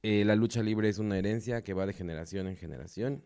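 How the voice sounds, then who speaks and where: Low-voiced Mexican wrestler man. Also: fast talker, mellow. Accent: Mexican Spanish. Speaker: luchador answering questions through an interpreter. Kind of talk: interview answers in short segments for interpreting.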